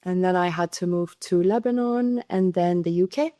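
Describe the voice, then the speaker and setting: A woman's voice: on the low side, moderate pace, dark tone, no room sound, studio quality. A young woman from Syria, a podcast guest telling her story in an earnest way, often restarting and repeating words. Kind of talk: conversational interview storytelling.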